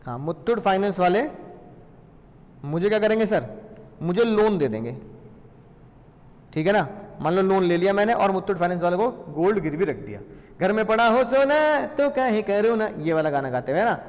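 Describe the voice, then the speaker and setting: A man teaching a lively class in a playful way, often asking questions and answering them himself. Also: sits high, moderate pace, pauses often, long reverb tail. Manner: playful, asks and answers his own questions.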